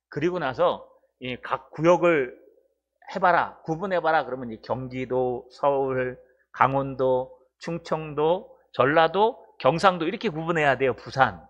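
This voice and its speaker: A man preaching a sermon in a church, animated and full of rhetorical questions to the congregation. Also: on the high side. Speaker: pastor. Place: church sanctuary. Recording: dull lo-fi church recording.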